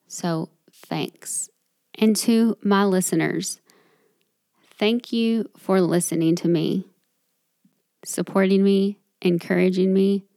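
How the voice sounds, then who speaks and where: A woman's voice: mid-range voice, fairly even intonation, takes it slowly, pauses often, dark tone, no room sound, studio quality. A woman hosting her own podcast, talking alone in a chatty, upbeat and self-deprecating way. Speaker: podcast host. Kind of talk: solo podcast monologue.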